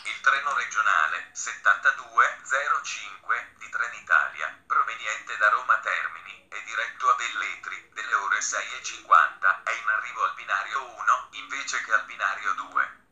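A man with a standard Italian accent gives a flat, formal station announcement in impersonal, measured, segmented phrases. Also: fairly low pitch, roomy sound, low-quality recording.

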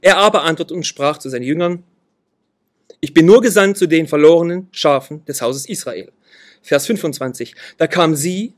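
Guy preaching a sermon, kinda high voice, earnest, repeats stuff for emphasis. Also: normal speed. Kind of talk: sermon with Bible reading.

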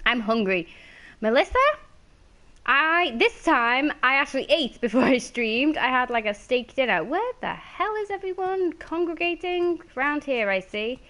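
A woman chats casually while she streams a video game. She greets viewers by name and laughs easily. Her voice sits a little high and moves around a lot in pitch. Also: very animated, moderate pace, a bit bright.

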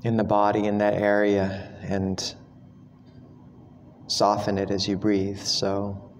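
Leading a guided meditation, a monk who teaches meditation uses a low, steady voice, slow and gentle, pausing at length between phrases. The recording carries long hall reverb along with some background noise.

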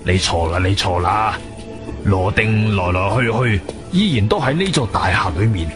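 An actor with a Guangzhou Cantonese accent playing a weary, sceptical police colonel in a radio drama, speaking in a hesitant, official manner. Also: male voice, on the low side, expressive, moderate pace, close to an everyday voice. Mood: dismissive. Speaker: supporting actor. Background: music.

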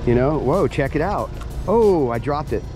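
Upbeat guy filming himself on the docks, loud and hyped, music bed underneath. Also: on the high side, animated, moderate pace. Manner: hyped, shouts catchphrases like "baby". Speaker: magnet fishing vlogger. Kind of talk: excited outdoor vlog narration. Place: outdoor waterfront docks and park.

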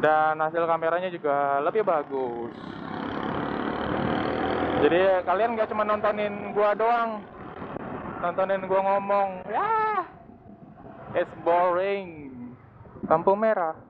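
This young motovlogger has a high-pitched voice with lively intonation, speaking slowly with long pauses as he casually chats and laughs in slang while riding a motorcycle in city traffic. A wired earphone mic from his phone sits in his helmet, giving a tinny, phone-like sound buried in loud traffic and engine noise.

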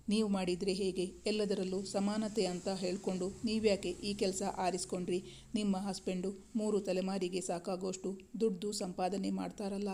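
A woman voicing a stern older male senior doctor who scolds briskly and belittles. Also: medium pitch, mellow, slight background noise, close to an everyday voice.

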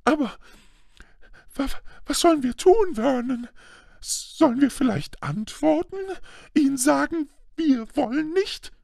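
A man voicing a shrill, fearful middle-aged aunt with a trembling, frantic manner, in an audiobook. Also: expressive, takes it slowly, creaky, darkish tone, dry recording, studio quality, full character voice. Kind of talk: audiobook character voice.

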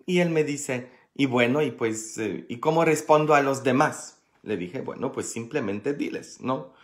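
A man preaching a sermon as a priest. He tells the story slowly, with many fillers and tag questions, and voices the people in it with sudden loud, high outbursts. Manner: animated, acts out quoted people with sharp rises in pitch and loudness.

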